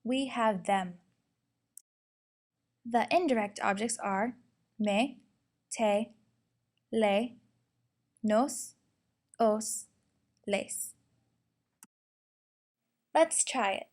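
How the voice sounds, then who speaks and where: Slow, careful young woman teaching. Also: a little high, darkish tone. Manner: slow, careful reading of examples. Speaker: student presenter. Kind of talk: instructional narration.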